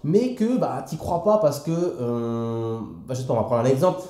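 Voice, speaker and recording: A man's voice: medium pitch, very animated, moderate pace, mellow, roomy sound. A young French man explaining stock investing to the viewer in a familiar, casual way, full of fillers. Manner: familiar, addresses the viewer directly with frequent fillers. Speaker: investing educator.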